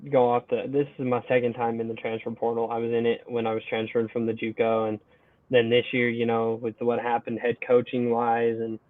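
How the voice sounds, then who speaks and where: A young man hosts a college sports podcast casually and cheerfully, his medium-pitched voice moving fairly quickly. He opens with an energetic, upbeat intro and then relaxes. The audio is dry, with no room sound, and comes through a tinny, phone-like line.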